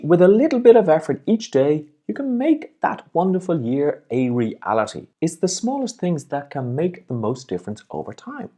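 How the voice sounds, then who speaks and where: Male motivational coach, cheerful and encouraging, very animated intonation. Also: mid-range voice, breathy edge. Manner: upbeat, encouraging, smiling as he speaks. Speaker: life and business coach, host. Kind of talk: motivational video talk.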